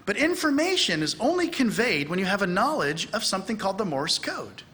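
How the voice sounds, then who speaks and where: A man's voice: high-pitched, fairly quick. A middle-aged man giving a lecture to a church audience from the pulpit, acting out bits of dialogue in a raised voice. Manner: animated, acts out dialogue with raised voice. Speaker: speaker at a church conference. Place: large church hall.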